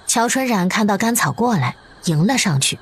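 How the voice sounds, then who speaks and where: A woman narrating an animated drama in an expressive, story-reading way. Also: mid-range voice, normal speed, slightly rough.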